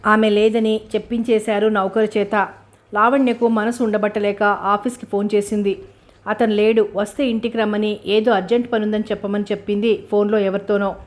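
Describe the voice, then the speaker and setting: Narrating a novel chapter, a woman covers the story along with the characters' dialogue. Her tone stays even and unvaried in pitch as she proceeds at a steady clip.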